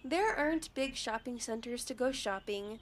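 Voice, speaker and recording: A woman with a high voice speaks bluntly in a casual vlog, voicing her complaints. A faint background noise runs under her voice. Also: animated, moderate pace. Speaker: video maker being reacted to.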